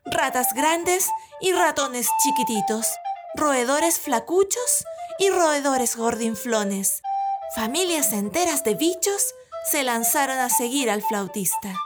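Woman storyteller, expressive storybook narration, unhurried, slightly high voice. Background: soft background music.

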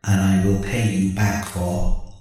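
A man's voice: sits low, little pitch movement, mellow, faint music behind, voice pushed down. A man doing a cold metallic villain. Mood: menacing. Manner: slow, taunting and threatening. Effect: metallic echoing voice. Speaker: game master voicing a villain. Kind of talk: tabletop roleplay character voice.

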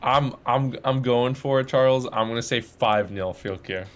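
A man's voice: medium pitch, moderate pace. A man co-hosting a casual sports podcast, eager and chatty, repeating and restarting phrases and laughing often. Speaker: podcast co-host. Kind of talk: casual chat. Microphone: video call.

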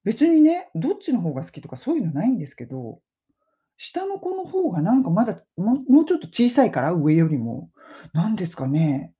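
A middle-aged woman hosting a casual spoken lesson, chatting and slowly modelling English phrases for listeners to repeat. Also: medium pitch, very animated, mellow. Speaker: English pronunciation teacher and podcast host.

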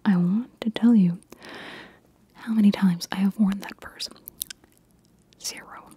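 A woman whispering breathy ASMR with tingly mouth sounds, rambling casually and playfully repeating words and short phrases. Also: medium pitch, steady tone, a little slow, dark tone, dry recording. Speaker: ASMR video creator.

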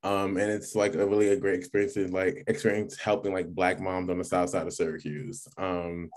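A young man, his voice sitting a little low. He talks in a relaxed, rambling way, with plenty of "like" and "um" and easy laughter, as a guest on a casual podcast. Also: brisk, a little hiss or hum. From New York. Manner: relaxed, many fillers and "like", laughs often. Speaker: guest, graduate student. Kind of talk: casual chat.

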